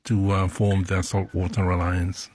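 A man hosting a radio interview program, asking questions in an unhurried way with many pauses and fillers. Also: sits low, flat delivery, a little mellow, husky.

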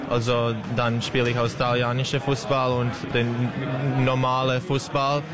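Flat-voiced young man, hesitant answers. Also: medium pitch, a crowd in the background. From Serbia. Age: young adult. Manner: hesitant, halting with fillers. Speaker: student interviewee. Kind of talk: casual interview answers in learner German. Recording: music bed underneath.

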